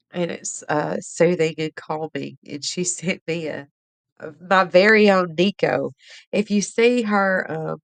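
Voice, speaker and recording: A woman's voice: sits low, no echo. A woman hosting a casual live stream, chatting in a rambling way and laughing often. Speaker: livestream host.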